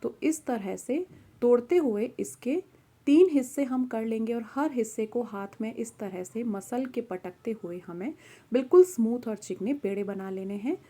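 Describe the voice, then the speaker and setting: A woman's voice: on the high side, lively intonation, moderate pace, warm tone. A woman hosting a cooking channel, explaining a recipe step by step in a friendly, instructional voice-over. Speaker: cooking show host.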